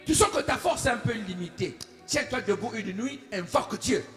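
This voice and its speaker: A man preaching a sermon as a pastor, telling a story, swinging between hushed asides and shouted declarations. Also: sits high, expressive, normal speed. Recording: echoey room with faint music.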